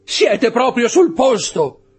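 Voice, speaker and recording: A terrified male steward with a guilty secret, as a male reader puts him on, pleading in a strained, raised voice that climbs high above the narrator's. The tone stays gravelly and very husky, with soft music underneath. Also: normal speed. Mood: desperate. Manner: pleading, shouting in panic.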